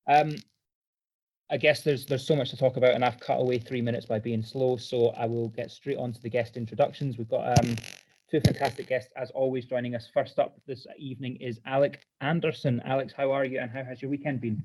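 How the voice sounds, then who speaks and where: A man's voice: mid-range voice, fairly even intonation, fairly quick, darkish tone, rough recording. A man hosting a live fan podcast in a chatty, self-deprecating way. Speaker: podcast host.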